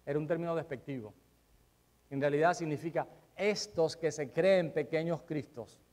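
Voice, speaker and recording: A male pastor preaching a sermon, swinging between loud emphasis and quiet asides and asking the congregation rhetorical questions. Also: fairly high pitch, moderate pace.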